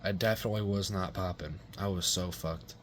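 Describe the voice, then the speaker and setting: A young man with a lowish voice tells a story in a loose, rambling way, packed with curses, slang and "like"s. Faint noise sits behind him. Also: fairly even intonation, brisk. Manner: rambling and profane, heavy slang and fillers. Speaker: vlogger telling a personal story. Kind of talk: casual storytelling.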